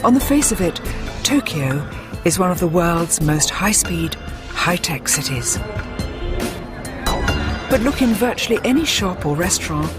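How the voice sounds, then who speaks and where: A woman with a fairly low voice presents a nature documentary in a scripted, dramatic style. Music plays clearly behind her narration. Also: expressive, measured pace.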